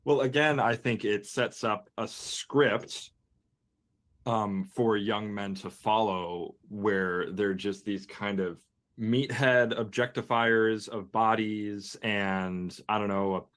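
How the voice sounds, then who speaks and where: A man's voice: on the low side, takes it slowly, fairly bright tone. A man talking through ideas in a conversational, analytical discussion, thoughtfully searching for precise words. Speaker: discussion panelist.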